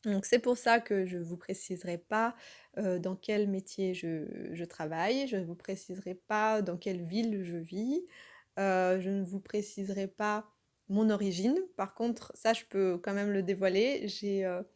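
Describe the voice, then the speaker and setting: A woman from France talking spontaneously in an unscripted monologue, earnest and reflective, with many pauses and self-corrections. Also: mid-range voice, fairly even intonation, a little mellow. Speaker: channel host.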